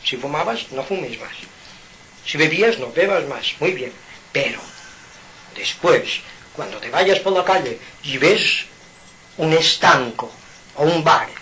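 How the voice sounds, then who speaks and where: A man from Mallorca, giving an informal spiritual talk at home in an animated, preaching manner with rhetorical questions and sudden loud outbursts. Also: fairly high pitch, a little hiss or hum, rough recording. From Mallorca, Spain. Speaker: spiritual speaker.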